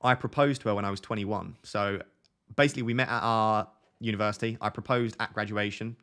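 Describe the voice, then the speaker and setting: Smooth and fairly bright, his lowish voice moves a little fast with fairly even intonation. He's a twenty-something from Essex, accent softened, casually answering live-stream chat about fantasy football while rambling and restarting.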